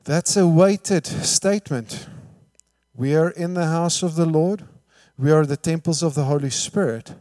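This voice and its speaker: A pastor whose first language is Afrikaans delivers an emphatic sermon in a fairly high voice at a slightly slow pace. He poses rhetorical questions and swings between hushed and loud, and the recording has no room sound.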